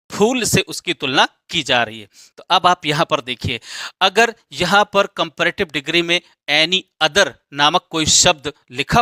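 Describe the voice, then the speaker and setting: Bright, clear-voiced male grammar teacher. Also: high voice, dry recording. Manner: explains step by step, asks and answers his own questions. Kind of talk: explaining a grammar lesson.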